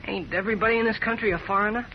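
High-voiced nervous teenage Jimmy Olsen. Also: male voice, fairly even intonation, racing. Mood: nervous, probing. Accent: American. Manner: hesitant, boyish. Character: nervous, earnest teenage boy cub reporter. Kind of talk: 1940s radio drama acting. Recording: muffled, noisy vintage radio recording.

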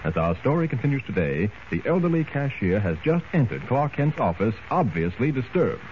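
A man narrating an old radio drama in a measured 1940s storytelling style, heard as an old radio broadcast. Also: mid-range voice, big pitch swings. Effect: old radio broadcast sound. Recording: dull lo-fi old radio recording, faint hiss.

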